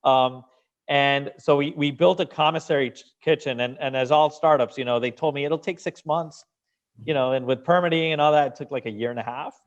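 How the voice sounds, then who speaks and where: A man from Venezuela, a business founder being interviewed, who talks in an animated way and often repeats words as he restarts sentences. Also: fairly high pitch, brisk, lo-fi sound. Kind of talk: interview conversation.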